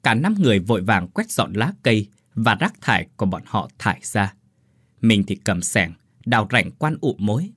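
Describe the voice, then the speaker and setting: A man narrating a ghost story in an expressive, dramatic way. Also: fairly low pitch, normal speed, slightly rough, dry recording, studio quality.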